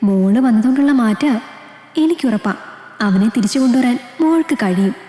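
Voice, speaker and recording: A woman voicing a loving elderly grandmother who speaks softly through tears in a storybook. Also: fairly high pitch, expressive, moderate pace, echoey room, in a large hall, natural voice. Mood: tender. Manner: soft, tearful, reassuring. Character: tearful loving old grandmother.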